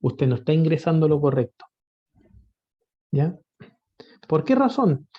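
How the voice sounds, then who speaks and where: A man's voice: fairly high pitch, big pitch swings, unhurried. A man teaching a spreadsheet lesson, patiently asking rhetorical questions and often checking that students follow. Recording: dull lo-fi recording.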